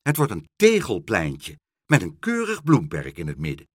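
A man's voice: fairly high pitch, huge pitch swings, normal speed, breathy edge, dry recording, clean studio sound, pitched above the performer's own voice, exaggerated voice. A man voicing a cheerful, talkative woman in a storybook reading, rattling on eagerly. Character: cheerful chatty woman, loud and bubbly.

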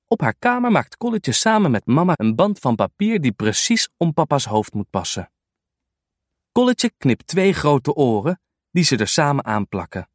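A man reading a children's storybook aloud in an animated, unhurried way. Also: a little high, dry recording, clean studio sound.

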